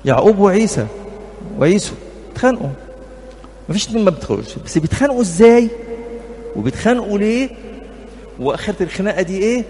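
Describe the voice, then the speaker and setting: His voice is high-pitched and darkish, sing-song and quick, with frequent pauses. He's a middle-aged marriage counselor with an Egyptian accent giving a humorous, anecdotal talk straight to couples at church, in a reverberant hall with faint background noise.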